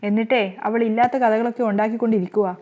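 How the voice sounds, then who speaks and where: A woman's voice: on the high side, little pitch movement, racing, lightly acted. A woman voicing a bossy, scolding mother-in-law. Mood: angry. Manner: scolding, loud and angry. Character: scheming older mother-in-law, sharp-tongued and bossy. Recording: slightly muffled lo-fi recording.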